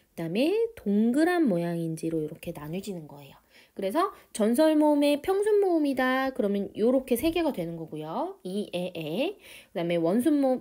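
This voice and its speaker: A woman's voice: mid-range voice, mellow. A woman teaching a grammar lesson online, cheerful and emphatic, stretching out the key words she wants students to remember. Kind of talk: online lecture.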